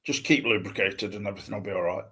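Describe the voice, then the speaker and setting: A man's voice: on the low side, racing, pushed and bright. A middle-aged man co-hosting a casual chat, speaking in a hesitant, rambling and thoughtful way.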